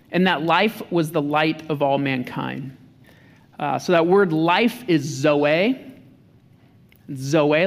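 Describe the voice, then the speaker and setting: A man in his thirties, a pastor giving an earnest sermon, often restarting and repeating his words. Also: a little high. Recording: reverberant church hall.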